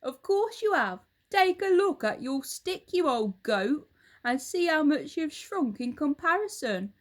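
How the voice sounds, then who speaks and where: Storybook villain: mean old husband, mocking, emphatic and drawn-out , voiced by a female reader. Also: high-pitched, sing-song, voice pushed up. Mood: gleeful, taunting. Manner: emphatic, drawn-out, taunting delivery. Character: gleefully cruel, menacing old husband, mocking and sly. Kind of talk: children's storybook character voice.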